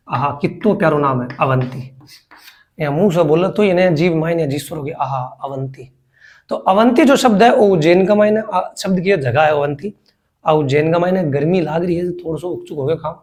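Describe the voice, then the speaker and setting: A man's voice: high-pitched, darkish tone. A man with a Rajasthani accent teaching a history lesson for exam preparation, repeating key words and joking with students. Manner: chatty, jokes with students.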